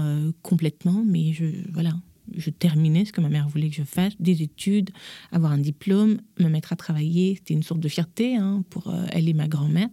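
A woman's voice: fairly low pitch, no room sound, studio quality. A young woman from Gabon, a podcast guest, telling her life story with candor and acting out the people she quotes. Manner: lively, acts out quoted voices. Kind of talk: candid personal storytelling.

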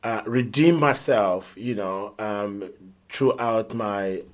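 Man, 50s, lowish voice, earnest and reflective interview guest. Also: takes it slowly. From Nigeria. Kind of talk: conversational interview.

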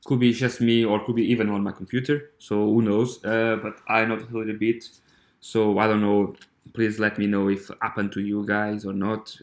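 A Portuguese-accented man speaks in a casual, halting way, stopping often to restart his sentences. His voice sits low and stays fairly flat in tone. The room around him gives a noticeable echo. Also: gravelly. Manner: hesitant, halting, with many fillers and restarts. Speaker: podcast host. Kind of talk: casual monologue.

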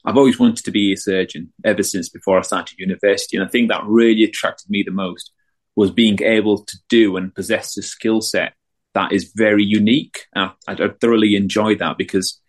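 A man chatting casually as a podcast guest, informal and given to joking. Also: on the low side. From Bradford, England. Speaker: surgical trainee, podcast guest. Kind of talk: casual chat.

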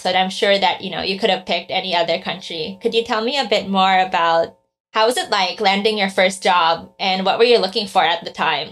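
A woman's voice: mid-range voice, fairly bright tone. A woman hosting an interview podcast, asking friendly, curious questions. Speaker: podcast host.

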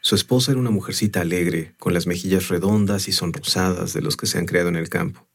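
A man narrating a story in the first person in a measured, unhurried way. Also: deep voice, creaky. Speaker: audiobook narrator.

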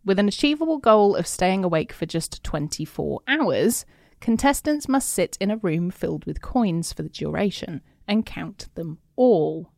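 A woman's voice: lowish voice, animated, normal speed, creaky, a little mellow, no room sound, clean studio sound. A woman co-hosting a podcast, reading from notes in a giggly, chatty way with frequent laughs. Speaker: podcast co-host. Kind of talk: reading notes mixed with casual chat.

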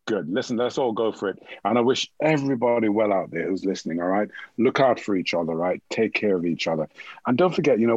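A man speaks in an upbeat, motivational way, his voice husky and swinging widely in pitch. He keeps checking in with his listener. The sound is dull and dry, like a remote call line. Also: no echo. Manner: encouraging, animated, often asks "right?". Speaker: motivational guest. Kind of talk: upbeat motivational interview talk.

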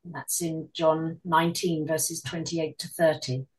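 A woman reading Bible passages aloud in a measured, clear way and citing each reference. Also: sits low, flat delivery, recorded from a distance, poor audio. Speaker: scripture reader. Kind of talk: scripture reading.

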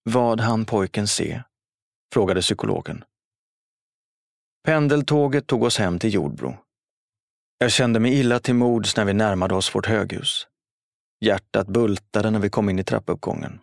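A man reading a first-person story aloud in a steady, solemn manner. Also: on the low side, vocal fry, pauses often, dry recording, studio quality. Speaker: narrator.

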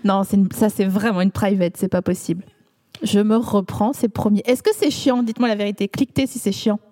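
A woman's voice: medium pitch, steady tone, a little fast, warm tone. A woman from the Vosges with a Vosges accent, hosting a podcast in a loose, teasing and rambling way. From Vosges, France. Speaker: podcast host. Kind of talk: casual chat.

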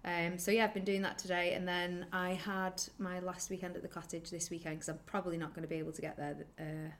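A woman's voice: lowish voice, flat delivery. A young woman co-hosting a podcast, chatting casually and laughing often. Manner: chatty, giggly, quick to laugh. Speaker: podcast co-host. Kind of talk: casual chat.

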